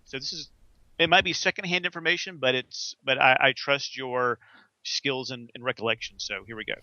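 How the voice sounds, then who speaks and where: An upbeat man co-hosting a casual podcast, chiming in with quick remarks. His voice is bright and sharp. The recording is dry and a little dull and lo-fi. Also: mid-range voice, dry recording. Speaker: podcast co-host. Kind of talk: casual chat. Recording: slightly dull, lo-fi.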